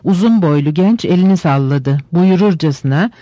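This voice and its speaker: A man reading a novel aloud in steady, measured scripted narration. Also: high voice, no echo.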